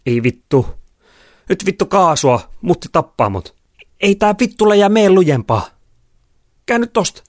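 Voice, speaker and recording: A man voicing a foul-mouthed teenage girl on the run, shouting and swearing in a high, frantic voice. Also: expressive, creaky, pauses often, no echo, clean studio sound. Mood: panicked.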